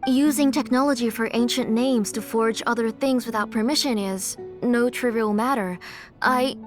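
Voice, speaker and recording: A woman's voice: fairly high pitch, moderate pace, lightly acted. A woman playing an earnest, devoted auntie who blames herself, in a video game. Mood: solemn. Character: earnest, self-blaming, devoted older auntie. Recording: music behind the voice.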